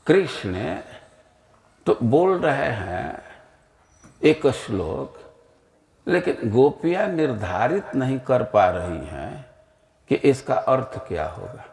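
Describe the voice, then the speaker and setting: Male spiritual teacher, lively delivery, echoey room; slow, patient lecturing. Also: medium pitch, gravelly. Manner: slow, explanatory, with rhetorical questions. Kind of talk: scripture lecture.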